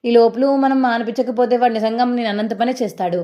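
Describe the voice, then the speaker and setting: A woman's voice: a little high, steady tone, quick pace, warm tone, highs cut off, close to an everyday voice. A woman voicing a blunt, protective husband in a retold TV serial, speaking firmly. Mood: stern. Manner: firm, gives orders.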